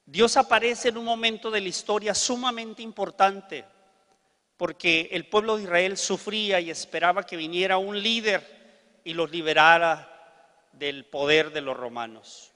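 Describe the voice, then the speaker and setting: Male preacher, high voice, lively storyteller, hall echo. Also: measured pace. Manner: animated storyteller acting out dialogue. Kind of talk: storytelling sermon.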